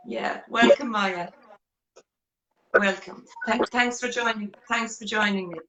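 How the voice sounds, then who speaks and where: Slow, chatty middle-aged woman host. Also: fairly high pitch, steady tone, bright, forceful tone, echoey room, a little hiss or hum. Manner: chatty, many fillers and restarts. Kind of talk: casual live-stream interview. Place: small room indoors.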